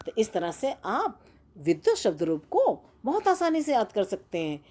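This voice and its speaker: A woman teaching a Sanskrit grammar lesson, chanting word forms slowly and carefully, with an encouraging sing-song manner. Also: medium pitch, wildly swooping pitch, dark tone.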